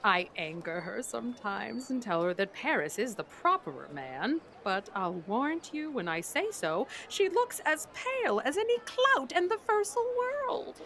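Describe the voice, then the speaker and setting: A woman's voice: fairly high pitch, big pitch swings, measured pace, few pauses, a bit bright, a little hiss or hum, exaggerated voice. A woman acting a talkative, easily offended, bawdy servant in classical Shakespearean stage style, blustering and full of exclamations. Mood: gossipy, coy.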